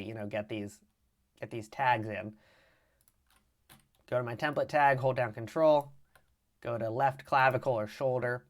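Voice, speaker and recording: A man presenting a live 3D animation tutorial, with a slight vocal fry and frequent throat clearing, narrating each click and step as he works. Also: mid-range voice, fairly bright tone. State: keeps clearing his throat. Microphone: mic with problems on a livestream.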